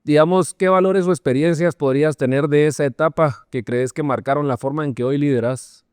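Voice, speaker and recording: A man's voice: on the high side, fairly quick, clear, resonant tone, dry recording, clean studio sound. Podcast host, friendly man. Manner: friendly, relaxed questioning with scripted intro. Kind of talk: interview hosting.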